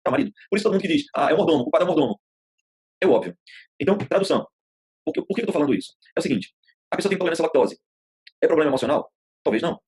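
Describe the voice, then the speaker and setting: Man, course instructor, rapid-fire delivery, husky voice, colloquial and anecdotal, repeats key phrases. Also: fairly high pitch, animated, darkish tone. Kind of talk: informal online class lecture.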